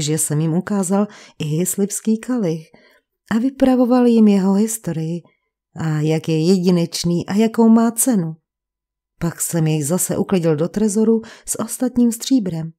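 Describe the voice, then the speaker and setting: A woman's voice: on the low side, warm tone, lightly acted. A woman reading the part of a fussy English village vicar who speaks in a precise, cold and sarcastic way.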